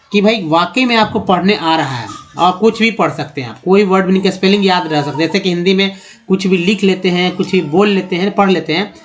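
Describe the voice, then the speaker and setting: A man's voice: sits high, poor audio. A man teaching English reading and vowel sounds, addressing viewers as friends and asking and answering his own questions. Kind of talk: explanatory lesson.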